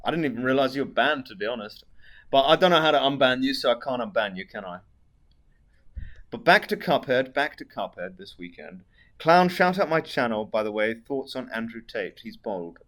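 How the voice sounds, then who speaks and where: Casting: male streamer, posh British voice, mid pitch, dry and sweary, casually answering chat. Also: expressive, moderate pace, a bit bright. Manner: sweary, dry, tag questions. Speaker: live streamer. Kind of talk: casual livestream chat, reading out viewer messages.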